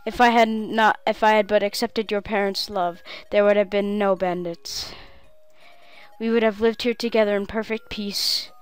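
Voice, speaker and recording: A woman reading out a proud, remorseful old grandfather lord from a game, in a hushed, subdued voice. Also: mid-range voice, fairly even intonation, normal speed, clean tone, no room sound, close to an everyday voice. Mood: sorrowful. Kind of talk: reading game dialogue aloud.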